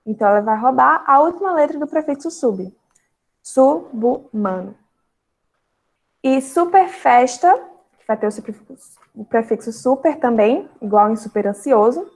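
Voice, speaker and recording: A young Brazilian woman explains grammar rules to students in an online lesson. Her voice sits a little high, and she walks through examples patiently, drawing out syllables one by one and pausing on fillers as she goes. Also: expressive. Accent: Brazilian Portuguese. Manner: explanatory, spells out syllables slowly with frequent fillers. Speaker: teacher.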